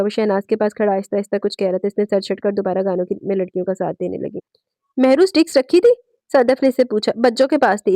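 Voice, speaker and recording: A woman narrating a romance novel aloud, with a steady storytelling manner and small self-corrections. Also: mid-range voice, no room sound. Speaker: audiobook narrator.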